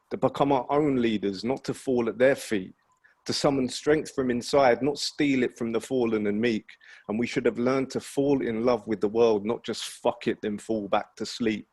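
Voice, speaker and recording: A man who is a nervous spoken word poet at an online open mic, speaking in a slightly husky voice. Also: lowish voice, a little mellow. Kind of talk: spoken word poetry and casual chat between poems. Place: online virtual open mic over video call.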